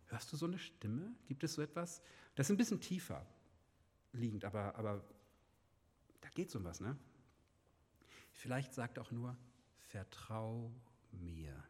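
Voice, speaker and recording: A man giving a sermon, asking his listeners questions and dropping to a soft, hushed voice when he speaks God's words. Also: mid-range voice, animated, moderate pace, pauses often, husky, long reverb tail. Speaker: preacher.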